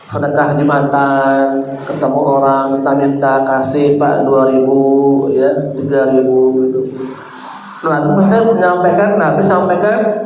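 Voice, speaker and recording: Slow, conversational preacher in an echoing hall. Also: male voice, a little high, a little mellow. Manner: conversational, asks the congregation questions; keeps addressing listeners as sir. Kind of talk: sermon. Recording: echoey hall with faint background noise.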